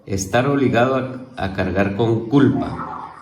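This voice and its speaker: A man, a teacher, presenting a theology homework lesson in a halting way, correcting himself and repeating key terms as he explains them. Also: mid-range voice, darkish tone, reverberant. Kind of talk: informal spoken lesson.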